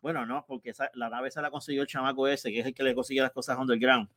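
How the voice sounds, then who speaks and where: A man co-hosting a casual film review podcast, excited and laughing often. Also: medium pitch, fast talker, no room sound, studio quality. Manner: excited, laughs often, drifts into mock English. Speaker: podcast co-host.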